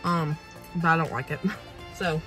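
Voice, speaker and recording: A woman's voice: deep voice, steady tone, unhurried, a bit bright, faint music behind. A young adult woman vlogging casually while talking with her mouth full. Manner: talking while chewing, disappointed. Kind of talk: casual vlog chat. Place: car.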